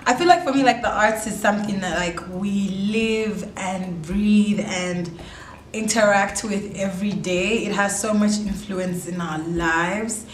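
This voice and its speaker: A woman's voice: mid-range voice, steady tone, unhurried, a little hiss or hum. Rambling woman from Zambia and Tanzania. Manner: rambling, lots of "like" and restarts. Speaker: guest in film and media. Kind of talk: casual interview answers. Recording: echoey room with faint music.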